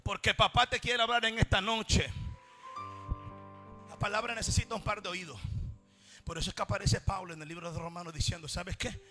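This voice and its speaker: A man preaching a sermon to a congregation in a church, with a repetitive, impassioned cadence that swings between shouts and quiet passages. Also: sits high, steady tone, a little fast, long pauses, music in the background.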